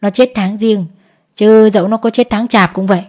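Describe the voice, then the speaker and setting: A woman voicing a male village clerk who explains the tax rules loudly. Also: mid-range voice, fairly even intonation, normal speed, natural voice. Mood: lecturing. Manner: loud, lecturing.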